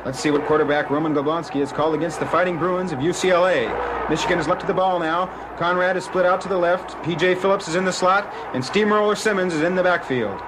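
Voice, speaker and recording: A man playing an excited old-style radio announcer giving dramatic football play-by-play in a radio comedy sketch. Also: high-pitched, fast talker, lightly acted. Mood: announcing, building. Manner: breathless, dramatic build-up. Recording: clearly noisy radio skit recording.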